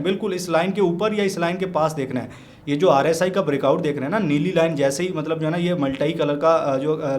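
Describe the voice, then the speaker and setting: A man's voice: fairly high pitch, slight background noise. A man from Pakistan, walking through trading charts as a teacher, chatty and repeating his points while he keeps calling the viewer brother. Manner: repeats points to drive them home. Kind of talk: chart walkthrough tutorial.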